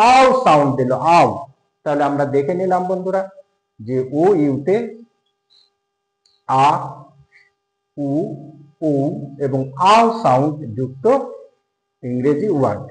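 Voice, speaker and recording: A man teaching an English pronunciation lesson. He spells words out letter by letter and repeats each pronunciation slowly. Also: a little high, roomy sound, low-quality recording. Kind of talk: classroom-style language lesson.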